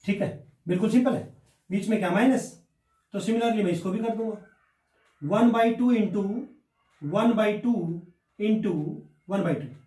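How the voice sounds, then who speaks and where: High-voiced maths teacher in an echoey room. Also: male voice, slow pace, pauses often, dark tone. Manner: explains step by step, keeps asking and answering his own questions. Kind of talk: blackboard maths lesson. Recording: echoey room, mic at a distance.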